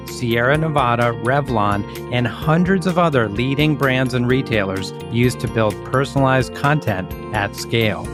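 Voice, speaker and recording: A man hosting a podcast, asking friendly questions with many "uh" fillers and reading a sponsor message. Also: medium pitch. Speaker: podcast host. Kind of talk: interview hosting and ad read.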